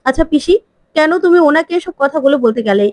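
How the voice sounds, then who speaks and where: A woman reading a gentle hurt young wife. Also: high voice, lively intonation, fast, no room sound, studio quality. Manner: gentle, hesitant.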